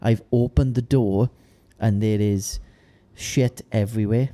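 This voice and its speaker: A man's voice: fairly low pitch, steady tone, measured pace, warm tone. A young man from the South Wales valleys with a Welsh Valleys accent, chatting casually in a laddish, colloquial way. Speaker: podcast co-host, amateur bodybuilder. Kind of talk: casual chat, anecdotes.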